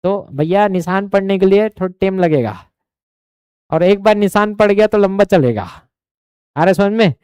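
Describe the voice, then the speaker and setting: Smooth-voiced Chhattisgarhi coaching teacher. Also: male voice, high voice, animated, normal speed, a little mellow, dry recording, clean studio sound. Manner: drills numbers by repetition, keeps asking if students follow. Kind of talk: exam coaching lesson.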